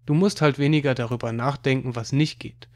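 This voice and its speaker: A man's voice: mid-range voice, steady tone, fairly quick, lightly acted. A man reading as an eager teasing boy. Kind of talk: audiobook reading.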